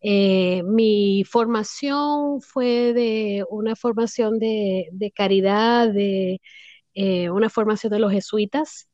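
A woman, speaking thoughtfully as an interview guest with many pauses and fillers. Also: medium pitch, darkish tone, no room sound, highs cut off. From Puerto Rico. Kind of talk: reflective storytelling.

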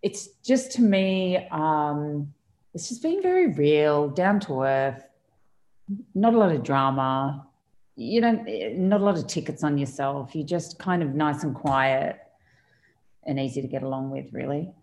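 A middle-aged Australian woman chatting as a podcast guest, animated and stumbling over restarts. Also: deep voice, unhurried. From Australia (Victoria). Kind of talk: casual podcast interview.

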